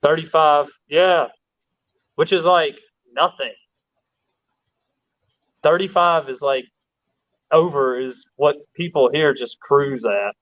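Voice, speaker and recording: A man's voice: a little high, takes it slowly, long pauses, fairly bright tone, dry recording, muffled recording. A man from Alabama, hosting a casual livestream, rambling, laughing often and reading chat aloud. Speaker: livestream host.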